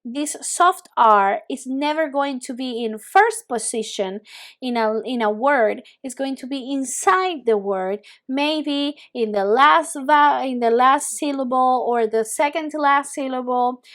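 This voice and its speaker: Slow, patient woman teaching Spanish sounds. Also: high-pitched, fairly bright tone. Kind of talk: pronunciation lesson.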